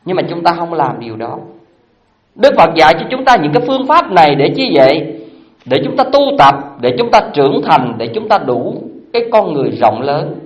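A Buddhist dharma teacher, giving a sermon with lively storytelling and many questions put to the listeners. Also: mid-range voice, roomy sound, dull audio. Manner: lively storytelling with frequent rhetorical questions to the audience.

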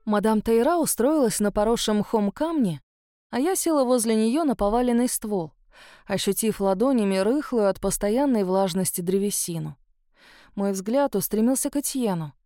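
A woman reading a first-person story as an audiobook narrator, in a soft, intimate, confessional manner. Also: mid-range voice, animated, normal speed, dry recording, clean studio sound.

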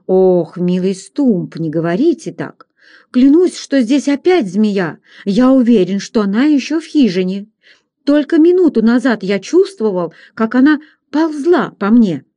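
A woman's voice: on the high side, very animated, unhurried, dark tone, no echo. A woman reading aloud, voicing a panicked, superstitious Irish servant man who wails and pleads frantically. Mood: frantic, wailing.

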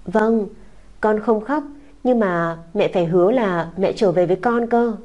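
A woman's voice: medium pitch, unhurried, a little mellow, muffled recording, close to an everyday voice. A woman voicing a small tearful boy who clings and pleads, in a sobbing, whiny child's voice. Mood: tearful pleading. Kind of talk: audiobook character voice.

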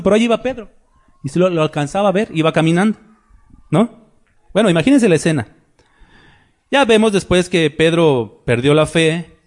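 A man preaching a sermon. He reads scripture, retells the scenes by acting out their voices, and keeps asking rhetorical tag questions. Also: on the high side.

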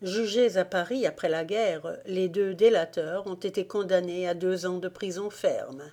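Woman audiobook reader, measured and unhurried, lowish voice. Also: dark tone. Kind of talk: audiobook narration of a wartime memoir.

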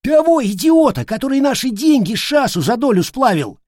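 Shrill goblin brawler, squealing and excitable, voiced by a man, high and lively. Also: normal speed, no room sound, studio quality. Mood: shrill mocking. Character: shrill hot-headed male red cap goblin.

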